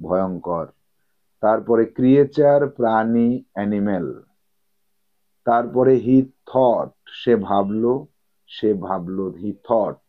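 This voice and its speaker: A man teaching English vocabulary, slowly repeating each word and its meaning and correcting pronunciation. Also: fairly low pitch. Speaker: English tutor. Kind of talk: vocabulary lesson explaining English words in Bengali. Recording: tinny phone-like audio.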